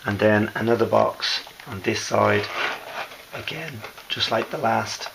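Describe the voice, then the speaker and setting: A hoarse man who is losing his voice gives a casual, halting show-and-tell as a maker, often correcting himself. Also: fairly low pitch, noisy background. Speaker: costume maker presenting a build.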